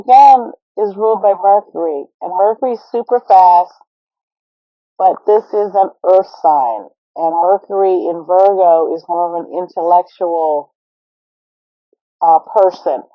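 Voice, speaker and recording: A woman's voice: medium pitch, no room sound, lo-fi sound. A woman from Thailand hosting an astrology podcast, talking casually and rambling with repeated words and fillers.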